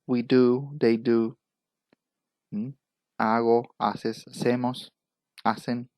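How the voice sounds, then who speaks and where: A male teacher with an Argentine Spanish accent walks through English verb forms one at a time in a recorded lecture. He talks slowly and patiently at a middle pitch. The recording is dry and close, with no room echo. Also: a little mellow. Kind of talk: recorded lecture over slides.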